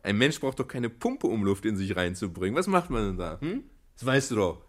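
A chuckling, patient dad. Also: male voice, fairly low pitch, very animated, a little fast. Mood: patient teaching. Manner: chuckling, patient, gently teasing. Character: good-humored father of a small girl. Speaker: father in a children's audio play. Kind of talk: children's radio play acting.

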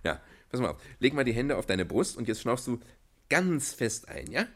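An actor playing a good-humored father in a children's radio play, patient and gently teasing, often chuckling as he explains things to his little girl. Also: medium pitch, very animated, normal speed. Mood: patient teaching.

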